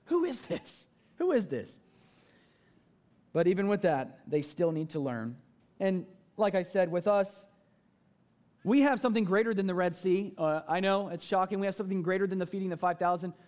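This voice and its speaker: A man's voice: high-pitched, a little fast, darkish tone. A man preaching a sermon, explaining terms plainly and acting out quoted voices as he builds in intensity. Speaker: pastor. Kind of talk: sermon teaching.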